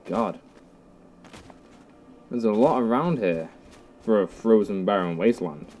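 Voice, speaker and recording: Excitable young man commenting on a game. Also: lowish voice, a little slow. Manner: jokey, excitable, talks to enemies. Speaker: gameplay commentator. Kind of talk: casual let's play commentary.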